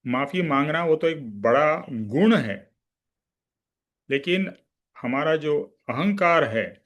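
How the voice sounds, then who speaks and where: A man's voice: fairly high pitch, animated, slow, fairly bright tone. Man explaining a spiritual lesson patiently. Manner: explains patiently, mixing in English words; checks in with the class with "hmm?". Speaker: spiritual teacher. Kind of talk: religious study-class talk.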